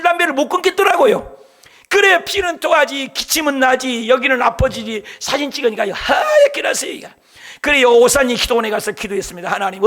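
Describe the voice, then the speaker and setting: Brief: middle-aged pastor, very high voice with gravel, impassioned preaching that rises to shouts. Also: male voice. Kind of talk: sermon.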